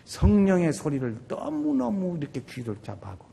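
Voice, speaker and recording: A male pastor preaching a sermon, urging the congregation on with animated rhetorical questions. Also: high-pitched, moderate pace, gravelly, in a large hall.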